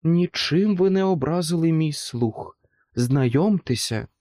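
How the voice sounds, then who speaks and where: A man's voice: fairly high pitch, animated, unhurried, mellow, dry recording, clean studio sound, pitched above the performer's own voice. A man voicing a kind female talking poem in a storybook, speaking in lilting verse. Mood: welcoming.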